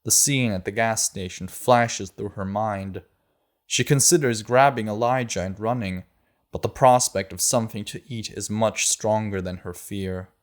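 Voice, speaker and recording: A man narrating an audiobook in a measured, steady way. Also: fairly low pitch. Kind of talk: scripted narration.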